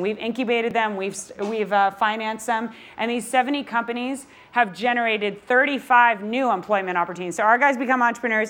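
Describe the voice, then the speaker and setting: A woman who founded a nonprofit, giving a passionate, energetic talk on stage while presenting slides. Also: medium pitch.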